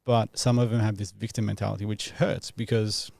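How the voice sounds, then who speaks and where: A man in his thirties from Iraq, talking as a podcast guest in a thoughtful, reflective way, pausing often and laughing easily. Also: fairly low pitch, flat delivery, gravelly, darkish tone, dry recording. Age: 30s. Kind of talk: casual reflective interview talk.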